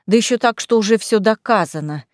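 A woman voicing a sharp-tongued young witch with a wry, mocking manner in a storybook. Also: medium pitch, brisk, no echo, studio quality, natural voice.

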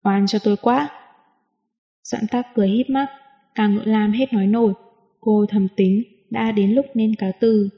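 A woman narrating a novel in an audiobook, with smooth, even storytelling, in a dull recording with a long reverb. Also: mid-range voice, normal speed. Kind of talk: scripted narration.

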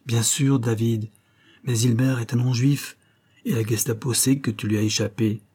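A man's voice: mid-range voice, steady tone, moderate pace, mellow, slightly rough, lightly acted. A man playing a worried, earnest doctor. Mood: grave. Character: worried middle-aged doctor, husband.

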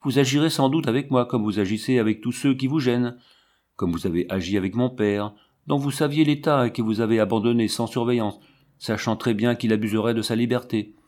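A man's voice: medium pitch, brisk, darkish tone, close to an everyday voice. A man reading the part of a defiant fifteen-year-old girl who speaks in an indignant, cutting way in a storybook reading.

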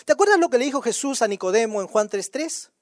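A man's voice: very high voice, animated, quick pace, no room sound, clean studio sound. A male pastor preaching a sermon in a conversational way, firing rhetorical questions at the congregation.

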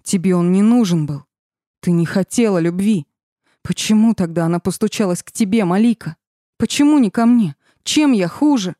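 A woman voicing a volatile young dark witch in an audiobook, with shrill laughing taunts that turn into sobbing wails. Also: normal speed, no echo, studio quality, lightly acted. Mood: anguished.

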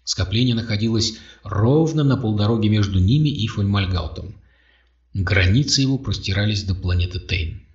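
A man narrating an audiobook in a measured, even reading. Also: on the low side. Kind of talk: scripted narration. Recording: dull roomy audio, distant mic.

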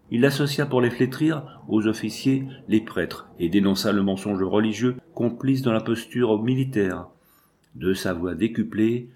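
A man reading a novel aloud in a measured, dramatic narration. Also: lowish voice, a little mellow. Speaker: audiobook narrator. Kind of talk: scripted literary narration.

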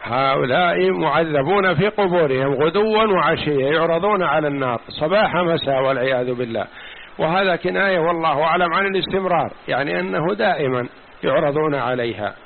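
A man with a somewhat high, gravelly voice teaches a religious lesson. He explains slowly and repeats key words to press them home. The recording is tinny and phone-like with a faint hiss. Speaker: sheikh teaching a creed class.

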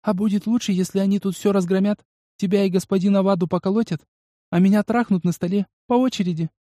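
A man's voice: steady tone, quick pace, dark tone, dry recording, studio quality, natural voice. Man doing a thin-voiced young waitress. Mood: resigned. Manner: thin, high-pitched.

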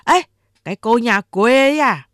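A woman's voice: a little high, expressive, moderate pace, fairly bright tone, dry recording, studio quality, voice pushed up. A woman voicing a sly, sleazy young male underling who wheedles and plays innocent.

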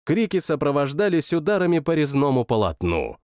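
A man's voice: a little high, brisk, clear, resonant tone, no echo, clean studio sound. A man narrating an audiobook in first person, with growled outbursts. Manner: lively, growling outbursts in quoted lines.

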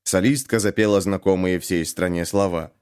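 A man narrating an audiobook with expressive storytelling. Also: low voice, moderate pace, smooth.

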